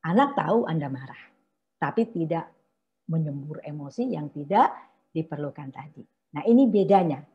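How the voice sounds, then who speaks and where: Middle-aged Indonesian woman lecturing over video call. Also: medium pitch. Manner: explanatory, acts out inner self-talk in a hushed voice. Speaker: psychologist giving a seminar talk. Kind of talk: online seminar lecture. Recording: dull lo-fi video call audio.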